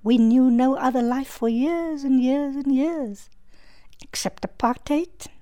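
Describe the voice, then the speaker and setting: An older woman from South Africa, a former activist, speaking calmly and measuredly about her life in a recorded interview. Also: sits high, slow.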